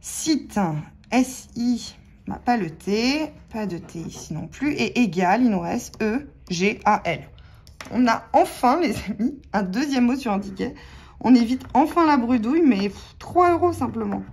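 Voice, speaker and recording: Slow-talking French woman scratching tickets. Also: fairly high pitch, expressive, a little mellow, husky. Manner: slow, chatty, addresses viewers as friends, spells out letters. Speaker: scratch-card vlogger. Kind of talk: casual commentary while scratching lottery tickets.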